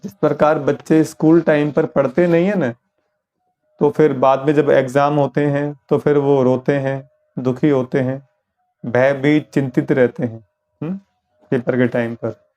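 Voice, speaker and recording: A man explaining a spiritual lesson as a sermon, steady and explanatory, asking rhetorical questions. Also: medium pitch, a little slow, highs cut off. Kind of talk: sermon commentary.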